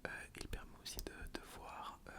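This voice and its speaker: A man hosting ASMR in a breathy whisper, halting and softly repeating words. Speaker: ASMR host.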